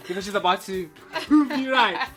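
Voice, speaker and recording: A man's voice: high-pitched, expressive, moderate pace, over music. A male host from South Africa in a playful, laughing casual chat.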